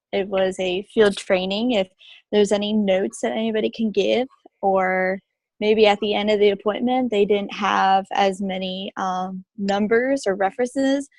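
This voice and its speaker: A woman in a sales training, calmly explaining how to review appointments. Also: medium pitch, no room sound, low-quality recording. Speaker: sales team member in a training. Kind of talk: casual group discussion.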